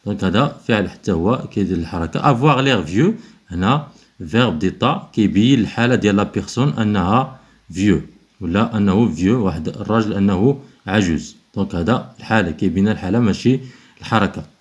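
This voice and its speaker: A man with a Moroccan accent, teaching French exercises, alternating quick explanation with slow, spelled-out dictation. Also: on the low side, animated.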